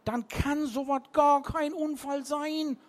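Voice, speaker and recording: A man's voice: extremely high pitch, steady tone, takes it slowly, pitched above the performer's own voice. A man voicing a tipsy, superstitious old sea captain who slurs his dialect-tinged words. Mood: gruff, slurring. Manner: slurred, dialect-tinged speech.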